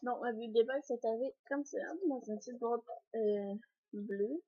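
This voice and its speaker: A woman's voice: fairly high pitch, normal speed, dark tone. A young woman with a Québécois French accent, hesitant and full of fillers, casually unboxing beauty products in a home vlog. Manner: hesitant, frequent fillers and throat clearing. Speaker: beauty vlogger. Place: home, indoors by a sunny window. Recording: dull lo-fi home video.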